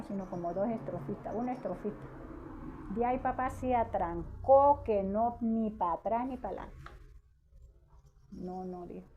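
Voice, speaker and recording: A woman's voice: mid-range voice, muffled recording, slight background noise. A woman telling family stories in an interview, animatedly acting out her relatives' voices as she quotes them. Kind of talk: personal storytelling.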